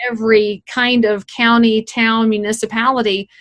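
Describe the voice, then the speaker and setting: Upbeat woman, slightly high voice. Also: flat delivery, normal speed, fairly bright tone. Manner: emphatic, upbeat, folksy. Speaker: real estate broker, podcast guest. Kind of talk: conversational interview.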